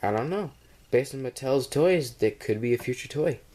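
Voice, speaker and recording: A man with a cold and a dark, mid-range voice reviews a toy at normal speed with lively intonation. Filmed at home on a camera mic, he rambles casually and hesitantly, full of ums and uhs.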